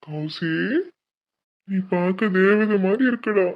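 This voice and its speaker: A gentle, choked-up father speaks softly in a cartoon, voiced by a woman. His voice sits in an ordinary middle range. He sounds tender and sad. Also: mid-range voice, takes it slowly, highs cut off, natural voice. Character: tearful middle-aged father seeing off daughter. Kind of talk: cartoon voice acting.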